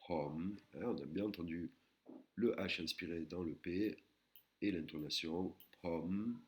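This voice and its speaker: A man teaching a recorded language lesson, patiently explaining and sounding out words slowly, syllable by syllable. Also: low-pitched, darkish tone. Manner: slow, careful, syllable-by-syllable pronunciation of Thai words.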